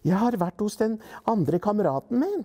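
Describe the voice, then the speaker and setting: Little storybook boy, timid and pleading, read by a man. Raised pitch, warm and soft. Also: very animated, long reverb tail. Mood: earnest. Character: small shy young boy.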